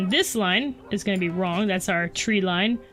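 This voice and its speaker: A woman's voice: medium pitch, animated, slow pace, fairly bright tone. A woman hosting a let's play, chatting casually to her viewers and teasing herself about her mistakes. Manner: chatty, self-deprecating, talks to viewers. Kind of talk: casual gameplay commentary.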